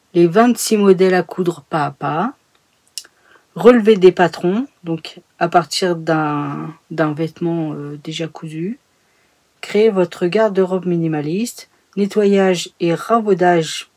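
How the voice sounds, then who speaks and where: Two sewing books get a casual, chatty review from this YouTuber, whose voice is lowish and a little mellow. Recording in her home sewing room, she hesitates often and fills gaps with many fillers.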